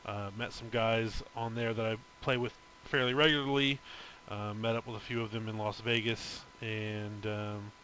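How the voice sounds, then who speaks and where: A man introduces himself on a gaming podcast in a flat, monotone voice, pausing on lots of fillers. A faint hiss sits under his voice. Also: on the low side, rough recording. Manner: hesitant, many fillers, flat delivery. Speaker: podcast co-host. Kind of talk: casual self-introduction.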